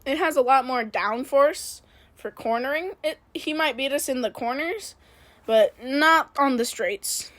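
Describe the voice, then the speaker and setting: High-voiced woman narrating her racing game. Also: measured pace, fairly bright tone, no echo. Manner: rambling play-by-play, self-critical, many fillers. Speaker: gaming video creator. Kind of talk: casual racing game commentary.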